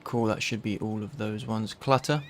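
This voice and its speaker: Gravelly London man, flat voice. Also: lowish voice, normal speed, a little hiss or hum. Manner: reading out a list of mods, laid-back. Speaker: streamer. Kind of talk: casual gaming chat.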